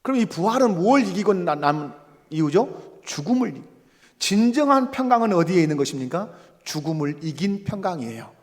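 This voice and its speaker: A man's voice: high voice, sing-song, brisk, big-room sound. A man preaching a sermon in a church. He questions the congregation and acts out quoted lines. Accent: Korean. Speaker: pastor. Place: church sanctuary.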